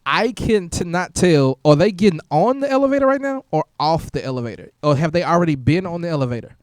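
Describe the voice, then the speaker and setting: A man hosting a podcast, talking casually with halting restarts and lively shifts in tone. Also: on the high side, dry recording, studio quality. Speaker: podcast host. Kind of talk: casual chat.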